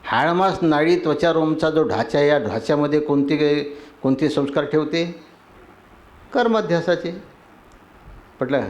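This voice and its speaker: A man preaches a devotional sermon in a slightly high voice. He runs through lists of terms in a steady rhythm and keeps checking with his listeners. This is a spiritual teacher addressing a gathering. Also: muffled recording. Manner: asks the audience for agreement.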